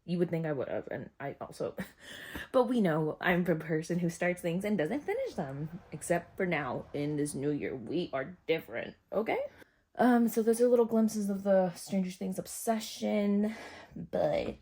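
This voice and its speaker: A woman's voice: lowish voice, animated, moderate pace, mellow, recorded from a distance. A young woman vlogger chatting casually and emotionally to camera, rambling and swearing as she goes. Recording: echoey room, away from mic.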